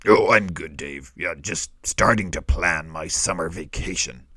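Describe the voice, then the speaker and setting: A man voicing a laid-back, deadpan male wolf who tells jokes. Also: low-pitched, unhurried, dry recording, voice pushed down. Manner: dry, deadpan, easygoing.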